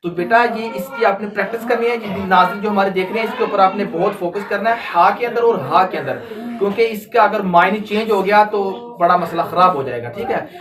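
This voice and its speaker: A woman teaching Quran recitation to a child, patient and repetitive, stretching out sounds to demonstrate them. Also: mid-range voice. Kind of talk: tajweed lesson with a child pupil. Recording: distant mic with steady background noise.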